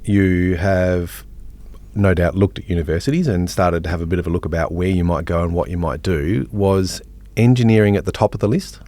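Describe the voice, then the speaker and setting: A man's voice: sits low, brisk, mellow, dry recording. A man hosting a podcast interview, asking probing questions in a conversational way. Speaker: podcast host.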